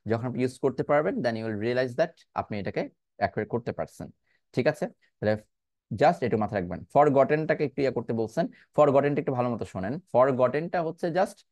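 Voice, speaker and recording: A man's voice: mid-range voice, darkish tone, no echo. A man with a Bangladeshi accent leads a pronunciation class, stretching out words and saying them again and again so learners can copy them. He often checks whether everyone is following. The recording is dry and close, with no room sound. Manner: repeats words slowly, stretching sounds to demonstrate; asks checking questions, mixes English into his talk. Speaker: English pronunciation teacher. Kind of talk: online pronunciation lesson.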